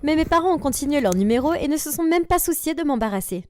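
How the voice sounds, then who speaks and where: A young woman narrating a story aloud in an animated, expressive way. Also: high voice, fast, no room sound, clean studio sound.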